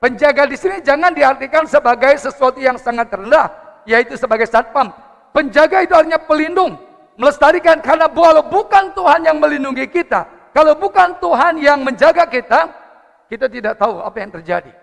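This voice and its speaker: A man's voice: extremely high pitch, expressive, fairly quick, creaky, fairly bright tone. A man preaching a sermon, moving a prayer into teaching. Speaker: pastor. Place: church service hall. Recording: church hall reverb with faint music.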